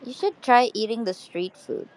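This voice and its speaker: A woman's voice: a little high, moderate pace. A woman in casual chat who is sick, giggling often and drawing out her reactions. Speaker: co-host of a live audio chat.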